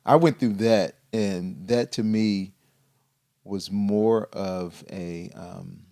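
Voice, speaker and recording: A man who used to play football, talking in a casual podcast discussion, halting with many fillers and restarts. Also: on the low side, vocal fry, mellow. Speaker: guest, former football player.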